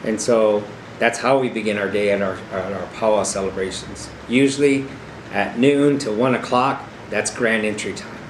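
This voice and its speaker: An older man speaks in a fairly low voice, giving an earnest, informal educational talk. He explains as an experienced arena director, returning to emphatic phrases. The room rings with echo, and a steady noise sits clearly behind him. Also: normal speed. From South Dakota, United States. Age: middle-aged or older. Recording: echoey room with clear steady background hum.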